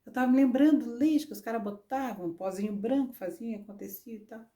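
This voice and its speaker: A middle-aged woman who preaches in women's ministry gives a sermon, sharing a personal testimony in a chatty storytelling style full of tag questions. Her voice is warm and fairly high, and she talks a little fast.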